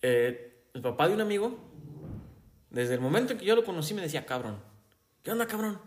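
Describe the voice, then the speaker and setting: A man with a Jalisco Mexican accent, chatting casually and telling animated anecdotes, often laughing and acting out the voices of people in his stories. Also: high-pitched, a little fast, slight background noise. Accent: Mexican Spanish, Jalisco. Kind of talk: casual conversation, storytelling.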